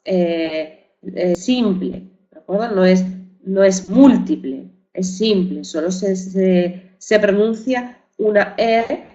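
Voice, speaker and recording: Slow-speaking woman teaching pronunciation. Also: mid-range voice. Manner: slow and deliberate, frequent "¿verdad?" check-ins, exaggerated rolled R demonstrations. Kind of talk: phonetics lesson. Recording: dull lo-fi recording.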